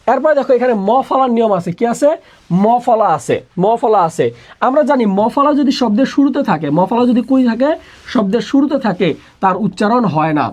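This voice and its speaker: A man's voice: extremely high pitch, a little mellow. Young male tutor, repetitive question-and-answer drilling, mixes in English words. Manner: repeats each question and answers it himself in a call-and-response drill. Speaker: admission test tutor. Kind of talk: online exam-prep lesson.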